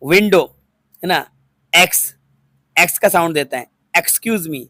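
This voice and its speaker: A man's voice: on the high side, slow pace, bright, forceful tone, no room sound, studio quality. A man teaching a phonics lesson to students, patiently spelling words out letter by letter and repeating each one. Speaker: English teacher.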